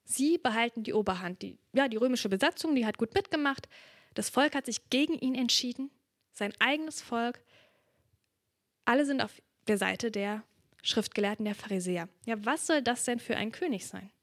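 A woman's voice: on the high side, expressive, moderate pace, no echo, clean studio sound. A woman preaching a sermon in a reflective, earnest way, reading from the Bible. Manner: earnest, reflective, drops to a whisper at moments.

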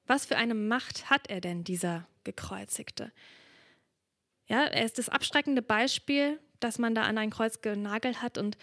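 A woman's voice: a little high, a bit bright, no echo, clean studio sound. Earnest German-speaking woman preaching. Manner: earnest, reflective, drops to a whisper at moments. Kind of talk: sermon with Bible reading.

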